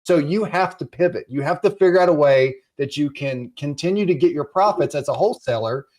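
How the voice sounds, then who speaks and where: A man coaching real estate investors, giving an urgent, encouraging sales pitch and repeating his phrases. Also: a little fast, darkish tone.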